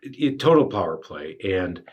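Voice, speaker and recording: Animated husky man telling stories. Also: sits low, normal speed, lo-fi sound. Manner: animated storyteller with fillers. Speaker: podcast host. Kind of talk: casual storytelling chat.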